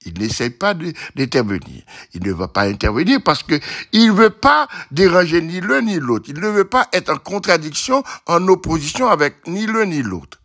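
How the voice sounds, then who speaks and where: A man's voice: on the high side, very animated, normal speed, fairly bright tone. A man giving an opinionated monologue, asking and answering his own questions, with frequent repeated tag words.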